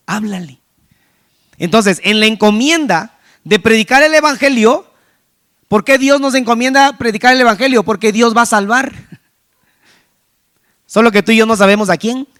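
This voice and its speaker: Preacher guy, high voice, tells stories and does the voices, lots of restarts. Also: fairly bright tone. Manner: storytelling, acts out quoted voices, frequent restarts. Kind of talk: sermon testimony.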